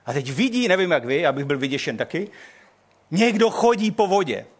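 An older man preaching a sermon in a hall, telling the story in an animated way and acting out the quotes. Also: on the high side.

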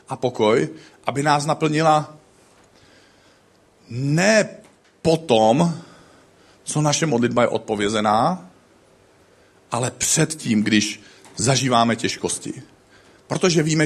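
A man's voice: fairly high pitch, gravelly, breathy edge. A man preaching a sermon, telling stories with acted-out quotes. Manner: animated storytelling with acted quotes.

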